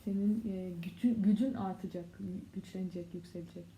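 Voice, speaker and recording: Very mellow, halting woman interpreter. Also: on the low side, steady tone. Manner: halting, searching for words. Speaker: interpreter between English and Turkish. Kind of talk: live consecutive interpreting. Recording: muffled, echoey room, faint noise.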